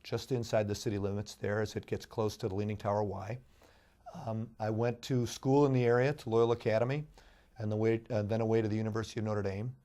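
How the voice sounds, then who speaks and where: A middle-aged man, hoarse from a cold, telling his background as a judicial candidate in an earnest, measured way. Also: fairly low pitch, little pitch movement, mellow. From Chicago, USA. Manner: earnest, anecdotal, measured with fillers. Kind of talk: interview guest.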